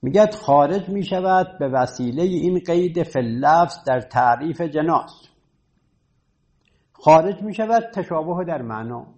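A man teaching a class, patiently explaining a point and reading set text slowly. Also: fairly high pitch, gravelly, a little mellow. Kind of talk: classroom lecture on Arabic rhetoric.

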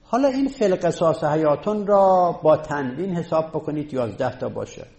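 A man's voice: on the high side, animated, a little mellow. A man teaching a class, explaining step by step and counting items aloud. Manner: takes student questions. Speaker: teacher of Arabic rhetoric. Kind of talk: classroom lecture.

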